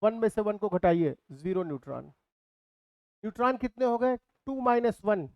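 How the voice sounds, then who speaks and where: A man's voice: high voice, lively intonation, a little slow, a little mellow, no room sound, muffled recording. A man teaching a physics class in speech, repeating key terms and asking his students questions. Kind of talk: classroom lecture.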